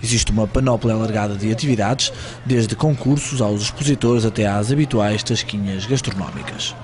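Low-voiced male news narrator. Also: normal speed. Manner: formal, even reading. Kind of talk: scripted news voice-over.

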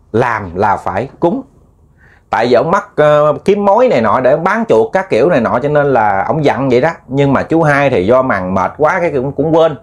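Southern Vietnamese man telling ghost stories. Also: medium pitch. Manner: chatty, repetitive, addresses listeners as family. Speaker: ghost storyteller. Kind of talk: casual spoken storytelling.

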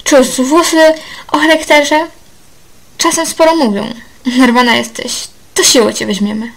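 A woman voicing a young male prince who taunts and commands, read loudly. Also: high-pitched, steady tone, a little slow, gravelly, exaggerated voice. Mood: taunting. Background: background music.

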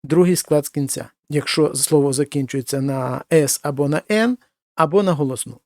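A man teaching Spanish grammar in a slow, careful way, repeating example forms and switching between two languages. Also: fairly high pitch, darkish tone, no room sound, studio quality. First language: Ukrainian. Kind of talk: explaining grammar with spoken examples.

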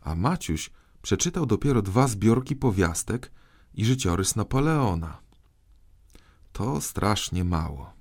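A man narrates a children's book slowly and deliberately, with measured storytelling. His lowish voice moves through a lively, animated melody. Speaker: audiobook reader. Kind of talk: scripted narration.

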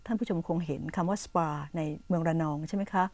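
A woman hosting an educational program, patiently explaining English words to Thai viewers and repeating them slowly and clearly. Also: on the low side, darkish tone, no room sound. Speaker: English teacher and host.

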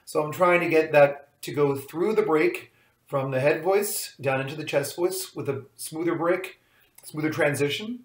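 A man leading a vocal warm-up lesson as a choir coach, with a morning voice, talking lightly and encouragingly and joking at his own singing. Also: on the high side, measured pace, reverberant. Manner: light, self-deprecating, encouraging.

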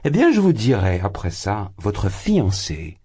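A man reading an audiobook voices a drunk, exalted young man who rants loudly, his voice leaping high and then sinking. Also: huge pitch swings, unhurried, husky, full character voice. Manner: loud, impassioned, rambling, swings high. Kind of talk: audiobook character voice.

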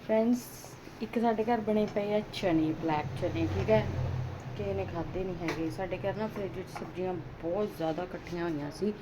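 Partly from her kitchen as she cooks, a Punjabi-accented woman vlogs from home, talking easily to viewers during her chores and frequently asking them things. She speaks in a lowish voice at a slightly fast pace, over noisy household background sound.

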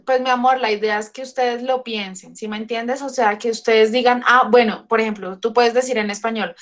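Woman teacher w on a video call, fondly explaining to kids, slightly high voice. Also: steady tone, brisk. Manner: affectionate, calls pupils "amor", laughs often. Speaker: English teacher. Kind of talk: online class, explaining to children. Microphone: computer mic on a video call.

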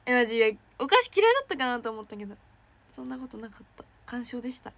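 A young woman, an idol trainee, chatting casually on a livestream and reacting excitedly to fan messages. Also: on the high side, fast, no echo. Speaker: idol trainee streaming to fans.

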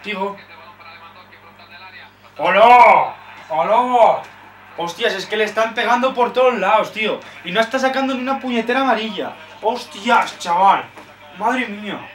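A man's voice: sits high, fairly quick, distant mic, slight background noise. A young man from Spain reacting to a live football match, frustrated and swearing often. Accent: Spanish from Spain. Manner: frustrated, swears often, shouts at big chances. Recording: roomy echo, off-mic.

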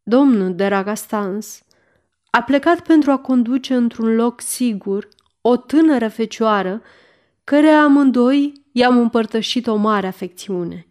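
A composed noblewoman with quiet steel in her voice, speaking formally and courteously while holding her ground. A woman voices her in an audiobook reading. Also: fairly high pitch, lightly acted. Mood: firm. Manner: calm, firm, formally polite. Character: calm, dignified noblewoman defying a king.

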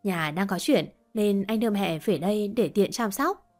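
Playing a tired, worn-down young husband, a woman speaks at normal speed in a mid-range voice close to her everyday one. Soft music plays in the background.

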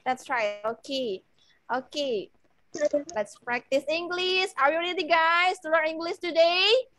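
A young woman with an Indonesian accent teaching children English over a video call, switching between English and Indonesian and spelling out phrases slowly for her pupils. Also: very high-pitched, a bit bright, low-quality recording. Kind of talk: online English lesson for children.

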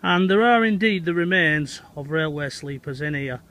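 Out in the woods, a chatty middle-aged vlogger from Lancashire, England, addresses viewers as "Hot Potters" while exploring old railway sites on a walking vlog. His voice is on the high side, bright and forceful, with lively intonation and a moderate pace, captured on a phone at arm's length.

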